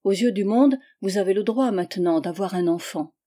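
A woman reading the part of a calm, scheming young man who speaks low and quietly insists. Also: moderate pace, close to an everyday voice. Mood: cool.

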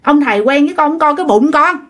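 A woman voicing a young pregnant woman who fakes labor pains, talking in a shrill, frantic way. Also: animated, fast. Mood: coaxing.

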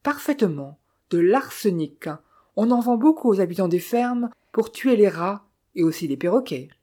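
A woman reading the lines of a small, courteous older male detective in formal, measured speech. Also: medium pitch, expressive, warm tone, close to an everyday voice.

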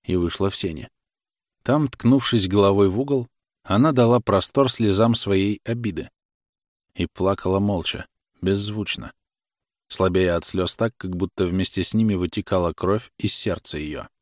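A man reading a novel aloud in a measured, dramatic narration. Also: low-pitched, no room sound, studio quality. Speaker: audiobook reader. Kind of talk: literary audiobook narration.

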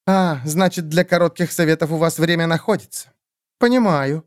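A man's voice: fairly high pitch, moderate pace, no echo, clean studio sound, natural voice. A man voicing a haughty, jealous queen with a cold, cutting way of talking.

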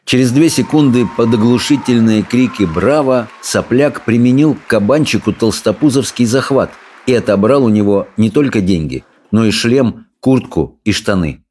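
A man narrating a children's storybook in a measured, storytelling way. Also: medium pitch, a little mellow, slight background noise. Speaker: audiobook narrator. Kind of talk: scripted narration.

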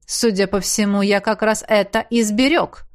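A woman reading an audiobook, voicing a calm, stern male highlander warrior who answers curtly and without hurry. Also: close to an everyday voice. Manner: curt and unhurried.

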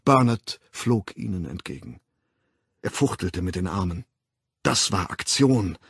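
A man's voice: low-pitched, animated, a little slow, vocal fry, a bit bright, breathy edge, no echo, clean studio sound. A man reading a novel aloud in a dramatic audiobook narration style. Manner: dramatic, shifts into character voices.

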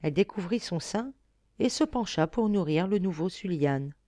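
A woman narrating a classic novel as an audiobook, measured and expressive. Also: fairly low pitch, no room sound, studio quality. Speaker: audiobook reader.

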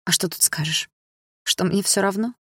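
A woman voicing a caring female homeroom teacher who talks softly and pleadingly in an audiobook. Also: mid-range voice, normal speed, slightly rough, no room sound, clean studio sound, pitched above the performer's own voice. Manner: soft, pleading. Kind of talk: audiobook character voice.

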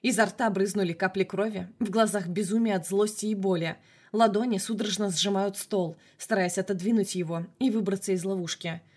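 Woman reading an audiobook, steady and measured, mid pitch. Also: breathy edge. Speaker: audiobook narrator. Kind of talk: audiobook narration.

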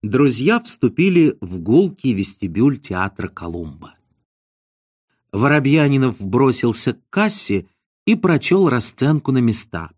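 A man narrating an audiobook in an expressive, ironic storytelling manner. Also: mid-range voice, unhurried, no room sound, studio quality.

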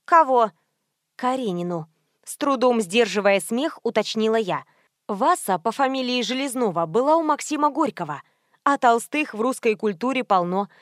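A woman's voice: fairly high pitch, expressive, moderate pace, no room sound. A woman narrating a comic detective novel in the first person, in a wry, conversational storytelling manner. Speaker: audiobook narrator. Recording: dry close studio voice.

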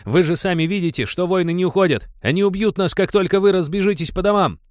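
A man voicing a frightened young man who shouts and begs for protection, in an audiobook. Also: a little high, fairly even intonation, brisk, dry recording, clean studio sound, voice pushed up, lightly acted. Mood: desperate. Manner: shouting, desperate.

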